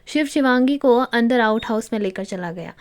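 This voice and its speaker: A woman's voice: on the high side, animated, moderate pace. Woman narrating a romantic storybook.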